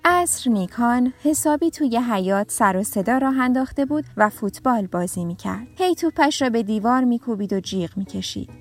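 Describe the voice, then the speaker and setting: A woman narrating a children's storybook in a gentle, expressive read-aloud manner. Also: a little high, hardly any pauses. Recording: faint background music.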